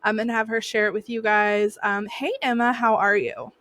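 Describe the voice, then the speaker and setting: A woman's voice: mid-range voice, flat delivery, normal speed, a bit bright, no room sound. A woman hosting a podcast, introducing her guest in a friendly, encouraging way and repeating herself. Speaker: podcast host. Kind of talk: casual interview conversation.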